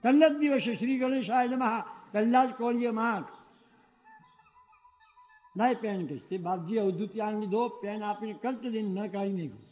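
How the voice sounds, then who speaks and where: A man telling a devotional story to a gathering, animated and acting out the exchanges he describes. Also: high-pitched, normal speed. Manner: animated, acts out quoted exchanges. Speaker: devotional speaker. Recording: dull lo-fi sound with long hall reverb.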